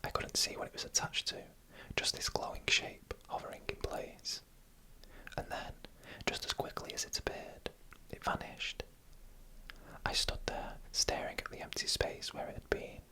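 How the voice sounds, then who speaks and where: Over a rough recording, a narrator whispers a scripted story in breathy ASMR style. The phrasing is slow and deliberate, broken by short pauses.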